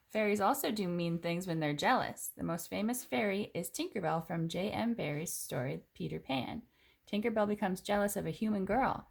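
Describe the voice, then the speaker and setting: With a mid-range voice, a woman reads a children's picture book aloud, expressive and clearly phrased, dropping in casual asides.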